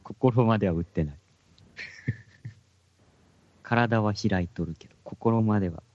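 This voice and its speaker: A man's voice: fairly low pitch, unhurried, no room sound, lo-fi sound. A man with a Hakata accent, a podcast co-host in casual chat among musicians, joking and laughing often. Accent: Hakata dialect. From Fukuoka.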